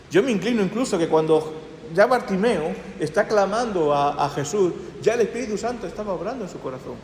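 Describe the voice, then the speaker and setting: A man preaching a sermon as pastor, earnest, sinking to hushed prayer tones and rising to stress his points. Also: high voice, slight background noise. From Spain. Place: church hall. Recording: echoey church hall, slightly distant.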